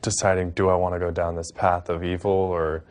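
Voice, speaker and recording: Very low, flat-voiced young man. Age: 20s. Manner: low, flat, measured, reflective. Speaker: interviewee. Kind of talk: interview recollection.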